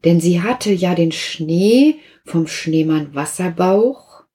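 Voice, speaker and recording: A woman reading a children's story aloud, expressive and playful, with sound effects. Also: fairly low pitch.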